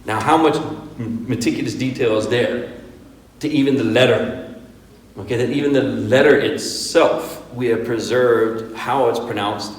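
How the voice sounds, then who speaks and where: The imam's mid-range voice moves a little slowly through an informal Quran workshop lecture. Chatty and full of rhetorical "right?" and "okay?", he illustrates Arabic pronunciation along the way, recorded in an echoey hall well away from the microphone.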